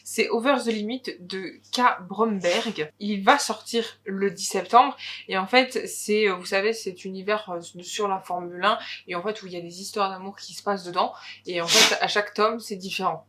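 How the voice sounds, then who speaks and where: A woman's voice: medium pitch, moderate pace, a bit bright. Chatty woman presenting new books. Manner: chatty, hesitant with many fillers. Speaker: book video co-host. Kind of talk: casual book chat.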